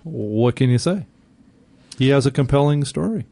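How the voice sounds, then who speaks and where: Guy cohost, mellow voice, stumbles and restarts a lot. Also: mid-range voice, expressive, moderate pace, creaky, slight background noise. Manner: hesitant, restarts, contrarian. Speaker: podcast co-host. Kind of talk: casual TV recap chat.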